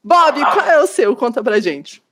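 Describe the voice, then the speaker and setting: A woman co-hosting a podcast, telling a prank story in casual chat with expressive, laughing delivery. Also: high-pitched, a little slow, a little hiss or hum. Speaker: podcast co-host.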